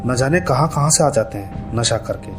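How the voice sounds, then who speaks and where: A man's voice: mid-range voice, lively intonation, normal speed, music in the background, natural voice. Man doing a stern, scolding parking lot owner.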